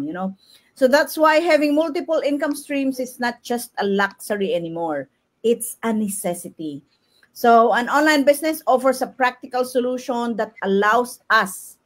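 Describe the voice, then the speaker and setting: A woman hosting a casual live stream from her home, chatting warmly with Filipino fillers. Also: on the high side. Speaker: host. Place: home in New Zealand.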